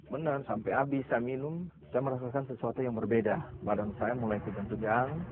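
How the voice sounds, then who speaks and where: A man's voice: medium pitch, steady tone, brisk, a crowd in the background. A middle-aged man giving an earnest, confessional personal testimony in an interview. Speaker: testimony speaker. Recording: tinny phone-like sound.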